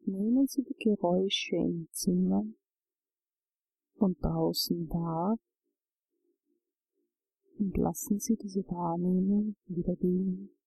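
A woman narrating a guided relaxation journey, giving calm, soothing instructions. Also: on the low side, slow, gravelly, long pauses, slightly rough, poor audio.

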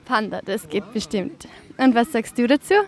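A woman's voice: fairly high pitch, moderate pace, darkish tone. A woman radio reporter at a children's festival, asking children friendly, encouraging questions. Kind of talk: event interview with children.

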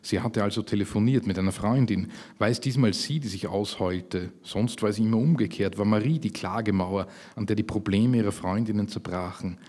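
A man reading his own fiction aloud at a literary event, measured and slowing for emphasis. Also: on the low side, mellow. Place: public reading at a literary festival.

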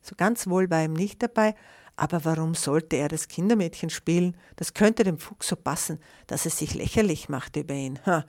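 A woman reading a children's picture book aloud in a lively way, pausing to describe the pictures. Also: low-pitched. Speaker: storyteller.

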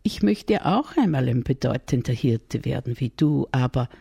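A woman's voice: a bass voice, lively intonation, normal speed, gravelly, dark tone, breathy edge, dry recording, studio quality, exaggerated voice. A woman with an Austrian accent voicing a timid, tender-hearted little shepherd boy who talks in a dreamy, gushing way.

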